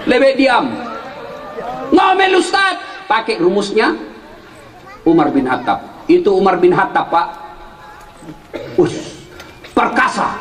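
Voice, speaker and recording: A man preaching a humorous sermon to a congregation, telling stories and shouting his punchlines. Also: extremely high pitch. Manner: joking storyteller who shouts punchlines at the congregation. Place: large hall with an audience. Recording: echoey hall, distant mic, faint crowd.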